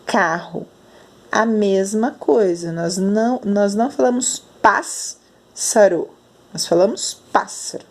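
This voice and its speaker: A woman's voice: mid-range voice, gravelly, a little mellow. Young female Brazilian schoolteacher, patient, stretches out syllables for children. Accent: Brazilian Portuguese. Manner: slow, drawn-out enunciation of sounds. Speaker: primary school teacher. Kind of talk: explaining lesson to children.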